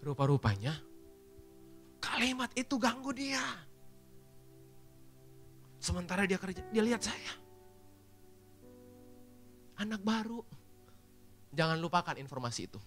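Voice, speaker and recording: A man's voice: high voice, unhurried, pauses often, faint music behind. A male preacher telling a story in a sermon, acting out the dialogue and often turning to address the congregation. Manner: animated, acts out dialogue, keeps addressing the congregation. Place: church function hall.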